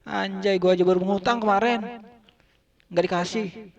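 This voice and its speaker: A man's voice: fairly high pitch, measured pace, lo-fi sound. A man performing a stand-up comedy monologue, telling an absurd, repetitive story in casual slang. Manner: shouts out acted lines of dialogue.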